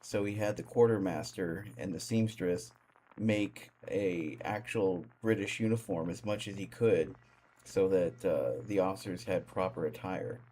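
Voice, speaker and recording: A man's voice: sits low, measured pace, darkish tone, a little hiss or hum. A man hosting a stream, chatting casually with hesitant fillers. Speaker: streamer and host. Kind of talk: casual chat.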